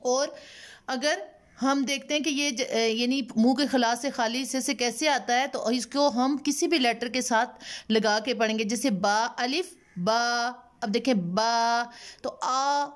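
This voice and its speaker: Higher-voiced woman teaching recitation patiently. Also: steady tone. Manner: patient, repeats sounds slowly, mixes English terms; slow drawn-out chanting for letters and prayers. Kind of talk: tajweed lesson, explaining letter pronunciation.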